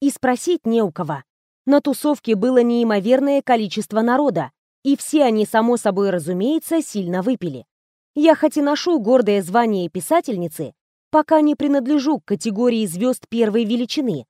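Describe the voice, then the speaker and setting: A woman reading a first-person novel aloud in a calm, wry manner. Her voice is high for a woman. The sound is dry and close to the mic. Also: normal speed, no room sound. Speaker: audiobook narrator. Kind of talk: first-person audiobook narration.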